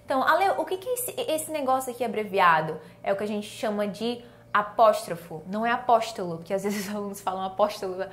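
A Brazilian woman teaching a basic English lesson online. She says English phrases slowly, then explains them in Portuguese. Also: medium pitch, lively intonation, fairly bright tone.

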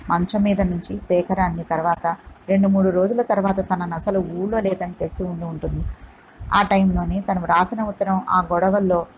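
A woman's voice: fairly low pitch, a little hiss or hum, low-quality recording. Woman narrating a novel. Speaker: audiobook narrator. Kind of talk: reading a novel aloud.

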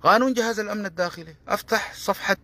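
A man's voice: high voice, rapid-fire, pushed and bright, no room sound. A man with a Sudanese Arabic accent giving a heated political commentary monologue, combative and sarcastic, hammering points by repeating them.

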